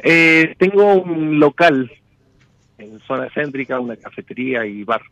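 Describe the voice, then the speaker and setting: A man's voice: fairly high pitch, animated, unhurried, fairly bright tone, dry recording, lo-fi sound. A man speaking hesitantly and in a roundabout way as a caller in a personal consultation. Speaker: caller seeking a tarot consultation.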